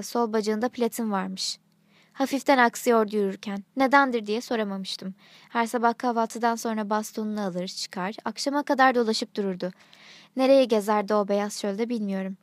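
Woman reading a short story out loud, calm and steady, kinda high voice, dry close sound. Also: no room sound. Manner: calm, measured narration.

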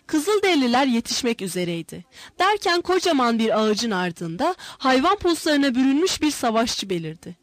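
A woman narrating an adventure story aloud in a measured, expressive audiobook reading. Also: sits high, dry recording.

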